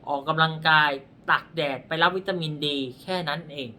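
A man's voice: on the high side, steady tone, fairly quick, bright, forceful tone, slight background noise. A man reading palms, explaining in a blunt, rambling way, correcting himself as he goes and pointing at his own hand, with a dry throat. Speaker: palm reader. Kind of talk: casual explanatory talk.

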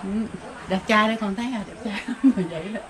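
Speaking fairly quickly in a mid-range voice, an older Southern Vietnamese-accented woman rambles through a casual countryside story. Her talk is plain and peppered with exclamations, and background noise is noticeable.

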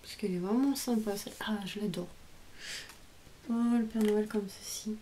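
A woman hosts a homemade craft video, gushing in a casual, chatty way as she shows off each card and stamp. Her voice is soft and mellow. A faint hiss runs under the home recording. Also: mid-range voice. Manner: chatty, gushing over each item, reads English phrases haltingly. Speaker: craft channel host opening mail. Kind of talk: casual unboxing chat.

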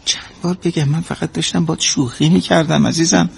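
A man's voice: on the high side, fairly even intonation, creaky, slight background noise. A man playing a tired, defensive husband in an audio drama, pleading and insisting it was a joke. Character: tired, defensive husband caught holding a knife. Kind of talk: amateur audio drama acting.

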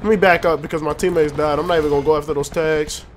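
A young man giving excitable, trash-talking commentary over his own gameplay, often laughing. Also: fairly high pitch, racing, slight background noise. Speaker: gaming YouTuber. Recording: faint game gunfire behind. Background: gunfire.

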